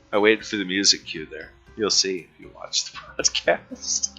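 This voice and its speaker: Running the tabletop game, a man with a low, gravelly, sharp-toned voice teases his players and laughs a lot. He makes them word their questions exactly right. Faint music plays under the dull, lo-fi stream recording.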